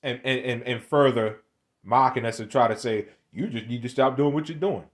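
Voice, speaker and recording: A man's voice: medium pitch, normal speed. Young man in his twenties, casual rambling talk, repeats words, slangy. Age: 20s. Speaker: online commentator. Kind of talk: casual monologue on scripture.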